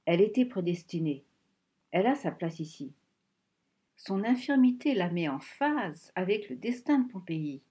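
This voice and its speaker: A woman reading the part of an excitable older male scholar who pleads insistently. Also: medium pitch, moderate pace, close to an everyday voice. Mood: fervent. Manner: insistent, imploring.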